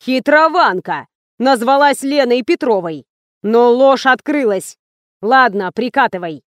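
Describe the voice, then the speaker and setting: Shrill old village woman, scheming, loud drawn-out scolding, higher voice, dry close sound, as a narrator puts her on. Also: lively intonation, dry recording.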